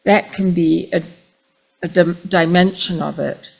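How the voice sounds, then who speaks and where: A woman reads the opening words at a worship service, calm and measured. Her voice is low and gravelly, and she reads unhurriedly, as if guiding listeners to settle in. She speaks in a fellowship hall. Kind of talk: reading a meditative opening at a service.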